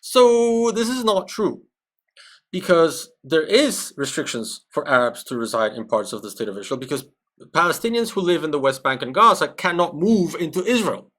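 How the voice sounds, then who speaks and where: A man's voice: a little high, very animated, moderate pace, fairly bright tone. A man from Peru giving conversational, analytical commentary on a live stream, often checking in with "right?". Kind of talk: live-stream commentary reacting to a video with chat.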